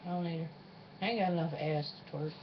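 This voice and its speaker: A woman's voice: low voice, steady tone, quick pace. A woman hosting a casual challenge vlog, chatting in an informal, folksy and self-deprecating way. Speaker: host of a challenge video. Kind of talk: casual vlog chat with a partner. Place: indoors at home, room with a refrigerator. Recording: dull lo-fi sound with faint noise.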